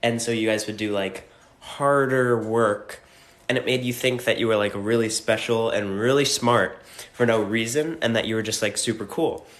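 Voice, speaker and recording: A man talking casually to camera, relaxed and full of fillers. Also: on the low side, moderate pace.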